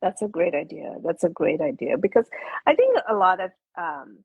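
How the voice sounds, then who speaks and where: A woman's voice: fairly low pitch, very animated, normal speed, gravelly, slightly rough, no room sound, narrow, tinny audio. A woman real estate agent hosting a casual interview, chatty and full of fillers and restarts.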